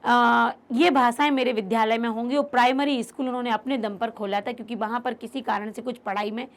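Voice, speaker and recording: A Hindi teacher with a highish, brisk voice and fairly even intonation gives an online literature lecture. She rephrases each term and point in simpler words and puts questions to her students.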